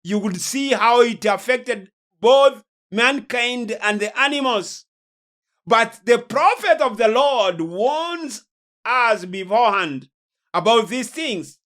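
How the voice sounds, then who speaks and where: A male preacher with a Kenyan accent gives a sermon-like lecture in a very high, animated voice with a fairly bright tone. He speaks slowly and deliberately, keeping a solemn manner and stressing certain words emphatically.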